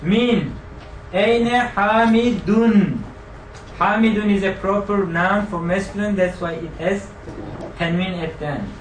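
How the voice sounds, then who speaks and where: A man speaks in a high pitch, unhurried, as he runs grammar drills in class, questioning students and repeating what they answer. The recording comes from a distance in an echoey room, with a little hiss or hum.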